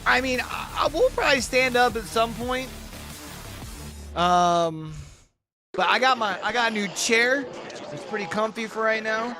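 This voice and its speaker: A man's voice: very high-pitched, lively intonation, measured pace, pushed and bright, soft background music. A man hosting a watch party stream, chatting casually with his viewers and greeting them by name, heard through a livestream headset mic.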